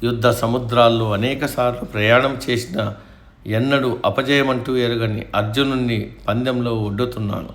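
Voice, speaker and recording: A man's voice: medium pitch, steady tone, normal speed, reverberant, lightly acted. A man voicing a grieving, stubborn eldest king who wagers his brothers, in a storybook reading. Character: grieving proud eldest king, desperate gambler.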